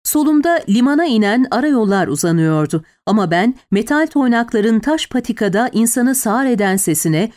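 A woman reading a dramatic story as an audiobook narrator, steady and measured. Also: medium pitch. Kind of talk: scripted narration.

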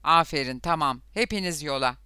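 A man's voice: a little high, a little fast, sharp tone, clear, resonant tone, no echo, clean studio sound. A man voicing a stern male saboteur leader who gives short, clipped orders in a storybook reading. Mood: terse.

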